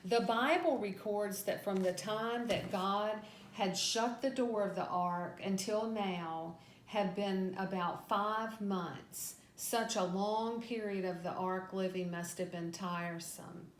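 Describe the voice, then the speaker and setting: Reading a scripted Bible story lesson aloud, a woman Sunday school teacher uses a storytelling delivery in a mid-range voice. She speaks slowly with few pauses, and the room is echoey with background noise.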